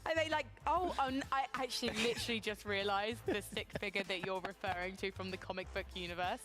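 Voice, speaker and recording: A woman's voice: mid-range voice, fairly bright tone, faint music behind. A woman hosting an esports analyst desk, joking and teasing her guests in casual banter. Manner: playful, teasing, quick to laugh.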